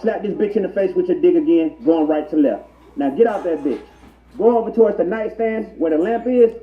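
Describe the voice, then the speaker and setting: A high-pitched, brisk man narrates crude prank tutorials, joking in a profane, slangy, how-to style. His voice plays back over a noisy, muffled, echoey intercom amid public transit sounds.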